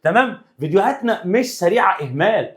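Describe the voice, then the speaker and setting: A man's voice: sits high, big pitch swings, quick pace, fairly bright tone. A man teaching an English grammar revision lesson in Egyptian Arabic, playful and talking straight to his students. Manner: playful, talks to students directly.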